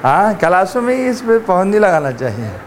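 High-voiced man drilling letter sounds. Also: big pitch swings, slight background noise. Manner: drills letters slowly, often checks if students understood. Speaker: Quran recitation teacher. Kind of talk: classroom pronunciation lesson.

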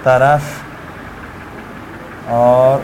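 A man teaching Quranic recitation in a classroom lesson. He drills letter sounds slowly and often stops to check whether his students understood. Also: medium pitch, flat delivery, a little mellow, a little hiss or hum.

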